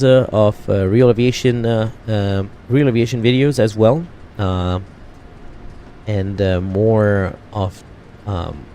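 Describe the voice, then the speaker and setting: A man's voice: fairly low pitch, dark tone, slight background noise. A man from Italy, chatting casually on a flight sim stream, rambling and correcting himself often. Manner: rambling, many fillers and self-corrections. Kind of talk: casual live-stream chat.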